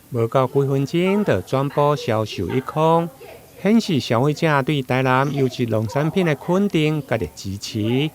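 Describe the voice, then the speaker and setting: A man reading a scripted promotional news report, much like infomercial narration. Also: mid-range voice.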